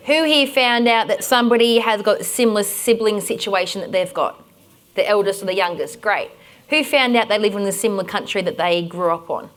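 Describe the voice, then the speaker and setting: A woman with an Australian accent presenting a conference workshop, giving direct, energetic instructions to the audience. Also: a little high.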